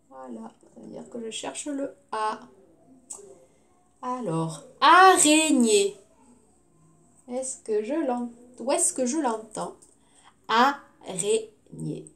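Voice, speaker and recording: A woman teacher giving a recorded phonics lesson to young children, sounding out words syllable by syllable. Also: a little high. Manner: slow, clearly articulated syllables.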